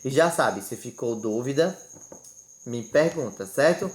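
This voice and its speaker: A male teacher gives a home-recorded lesson, speaking at a middle pitch. He talks in a didactic way and keeps checking in with his students after every point. The room lends his voice a noticeable echo. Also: animated, unhurried. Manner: didactic, ends phrases with "certo?". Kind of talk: remote classroom lesson. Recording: roomy echo.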